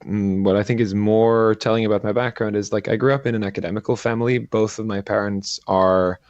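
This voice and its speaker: Gravelly low-voiced man, halting. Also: fairly even intonation, a little mellow, dry recording, lo-fi sound. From Sweden. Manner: halting, restarts often, many "like" fillers. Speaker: guest entrepreneur. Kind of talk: casual interview talk.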